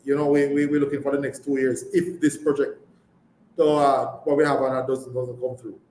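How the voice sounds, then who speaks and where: A Jamaican man speaking as a chief executive on a live earnings call answers with emphatic repetition of words and phrases. His voice is medium-pitched, level and darkish at a normal speed, recorded in an echoey room with background noise.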